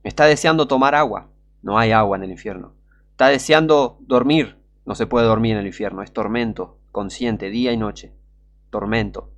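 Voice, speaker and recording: A man's voice: fairly low pitch, muffled recording. A man with a Rioplatense Spanish accent preaching a fervent, scornful sermon full of rhetorical questions. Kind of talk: impassioned street-style sermon.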